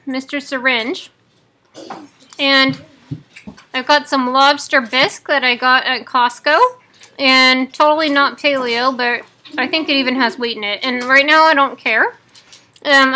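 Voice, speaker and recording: High, bright woman talking through clenched teeth. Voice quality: speaking through clenched teeth, jaw wired shut. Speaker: vlogger. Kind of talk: casual tutorial chat. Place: small home living room, indoors. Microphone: webcam at close range.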